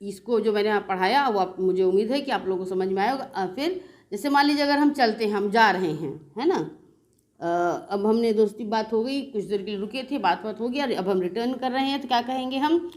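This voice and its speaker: A woman's voice: medium pitch, a little fast, a little mellow. A woman with an Indian English accent teaching a beginners' spoken English class, patiently explaining and asking rhetorical questions. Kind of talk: classroom lesson explaining in Hindi.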